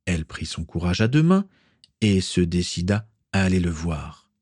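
A man reading a story aloud as narrator, steady and measured. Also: low voice, breathy edge, no room sound, studio quality.

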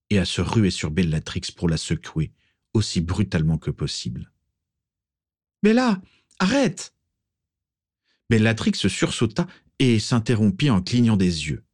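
Deep-voiced male audiobook narrator. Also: a little mellow, dry recording, studio quality.

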